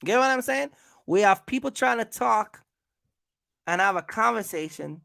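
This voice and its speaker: Here the trucking vlogger's medium-pitched voice is expressive and bright, with vocal fry and a forceful edge, moving at normal speed. He repeats himself and tosses out rhetorical questions while confronting rivals in a casual on-camera rant. The audio is clean, studio-grade, and echo-free.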